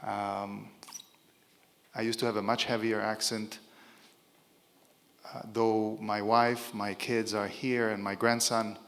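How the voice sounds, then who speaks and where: Speaking slowly and pausing often, a middle-aged man with an Israeli accent delivers a casual, humorous keynote to a big audience, peppered with fillers. His fairly low, fairly bright voice stays flat, and the event hall is reverberant.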